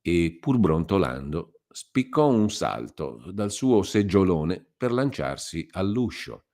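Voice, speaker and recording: A man with a very low, deep voice reading a classic novel aloud for radio. His storytelling is measured and expressive, with a scripted narrator's steady delivery. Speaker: reader.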